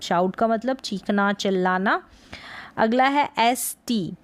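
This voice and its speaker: A woman teaching English pronunciation in Hindi, sounding words out syllable by syllable in a slow spelling lesson. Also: mid-range voice.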